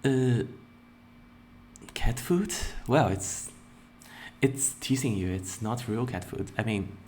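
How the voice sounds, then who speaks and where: In a casual self-introduction and Q&A, a young virtual streamer with a medium-pitched voice takes questions at a slow, deliberate pace. Playful flashes of excitement break through, and a slight hiss or hum sits under the recording.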